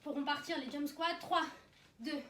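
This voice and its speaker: A woman's voice: high voice, normal speed, fairly bright tone. A woman working as a fitness instructor, coaching a circuit workout live with countdowns and short, encouraging commands. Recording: roomy echo, distant mic, background noise.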